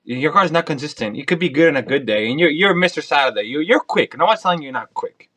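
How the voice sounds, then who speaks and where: A man's voice: on the high side, animated, fast, fairly bright tone, a little hiss or hum. A man co-hosting a podcast in casual chat, emphatic and repeating his points for stress. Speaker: podcast co-host.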